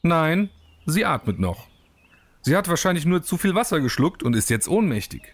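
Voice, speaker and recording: A man voicing a clever young male emerald lizard in an animated storybook film, talking in a wry, sensible way. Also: a little high, moderate pace, no room sound, voice pushed up. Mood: calm.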